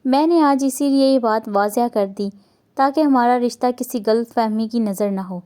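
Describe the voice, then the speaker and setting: A woman's voice: fairly high pitch, warm tone, natural voice. A woman voicing a young husband in a romance novel reading, teasing and earnest by turns. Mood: affectionate.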